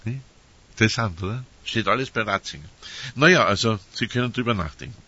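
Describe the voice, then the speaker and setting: A man's voice: lowish voice, lively intonation, a little fast, pushed and bright, slightly rough, no room sound. An older man, preaching a conversational sermon and often adding tag questions. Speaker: priest. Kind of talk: spoken sermon with anecdotes. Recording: dull, muffled sound.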